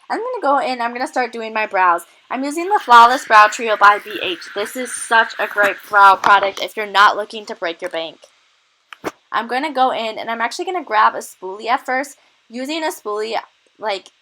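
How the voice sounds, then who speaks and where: A woman's voice: fairly high pitch, pushed and bright, low-quality recording. A young woman with a cold, a little out of breath, chatting enthusiastically through a makeup tutorial as a beauty vlogger. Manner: chatty, enthusiastic product tips.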